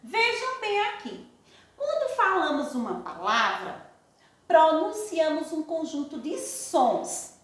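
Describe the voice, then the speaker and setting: A Brazilian woman teacher giving a recorded lesson to young pupils, affectionate and sing-song, addressing them slowly and warmly. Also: high-pitched, wildly swooping pitch. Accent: Brazilian Portuguese. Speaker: primary school teacher. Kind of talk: recorded remote lesson for children. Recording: echoey room.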